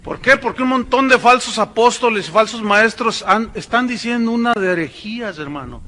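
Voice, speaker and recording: A man's voice: very high-pitched, moderate pace, sharp tone, a little hiss or hum. A man preaching a sermon as pastor, emphatic and speaking straight to the congregation with sarcastic asides.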